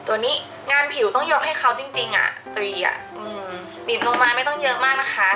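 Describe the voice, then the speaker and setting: A woman's voice: on the high side, moderate pace, music in the background. A woman beauty vlogger chatting playfully through a makeup tutorial, dropping English product terms into her talk. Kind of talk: casual makeup tutorial chat.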